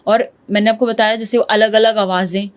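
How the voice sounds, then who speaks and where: A woman's voice: medium pitch, steady tone, brisk. A woman guest in an interview, telling a true ghost story in a vivid way and slipping English words into her Hindi. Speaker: podcast guest.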